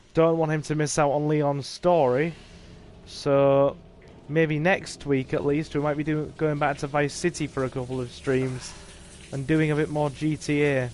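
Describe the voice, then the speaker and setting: A little hiss or hum sits under this man's slightly high, slightly mellow voice. He's a gaming streamer from England with an English accent, laid-back as he talks his viewers through a horror game.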